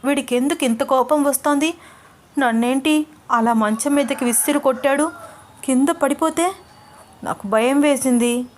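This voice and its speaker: A woman's voice: sits high, normal speed, long pauses, slight background noise, pitched above the performer's own voice, lightly acted. A woman storyteller voicing a timid, easily frightened young woman who complains plaintively to herself. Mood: worried.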